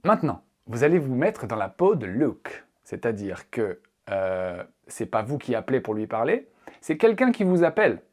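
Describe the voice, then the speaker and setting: A man's voice: mid-range voice, sing-song, moderate pace. A man teaching a casual spoken language lesson, playful and joking as he explains. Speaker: English teacher.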